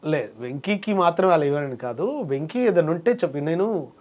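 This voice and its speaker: A man's voice: on the high side, expressive, fairly quick, dull audio. A man, a comedian and mimic, talking in a casual interview and acting out quoted voices as he tells stories.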